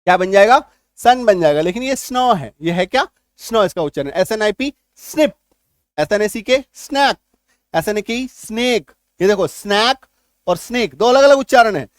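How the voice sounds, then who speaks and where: A man's voice: sits high, lively intonation, no room sound, studio quality. Encouraging Indian man teaching phonics. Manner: encouraging, repeats words slowly and asks checking questions. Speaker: English teacher. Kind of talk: phonics lesson in Hindi.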